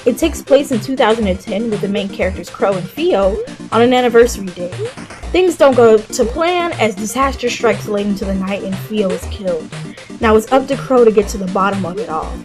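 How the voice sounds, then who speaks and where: A woman hosts a scripted top-five video game list, narrating conversationally with casual asides over background music. Her voice is medium in pitch, expressive and fairly quick.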